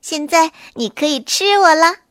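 A woman voicing a small, brave and clever gray rabbit in a children's story, brisk and confident. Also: very high voice, expressive, a bit bright, no echo, studio quality, pitched above the performer's own voice. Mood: cheerful.

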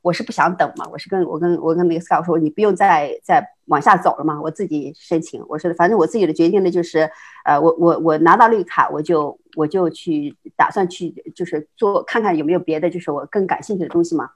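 Middle-aged woman, from China, interview guest, rapid speech, slightly low voice, repeats words, casual storytelling. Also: breathy edge. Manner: fast, with many repeated words and restarts, frequent laughs.

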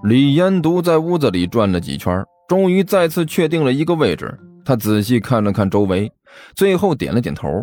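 A man narrating a serialized audiobook story in a lively, expressive way. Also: medium pitch, normal speed, soft background music.

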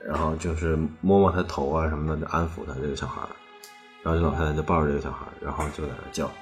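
A man with a very low, deep voice recounts an eerie story in a loose, rambling way. He keeps chaining his sentences with "then" and circling back over the same phrases. Faint music plays softly behind him. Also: level tone, rapid-fire. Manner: rambling, strings clauses with "then" and repeats phrases. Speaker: storyteller on a ghost-story podcast. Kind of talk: casual chat storytelling.

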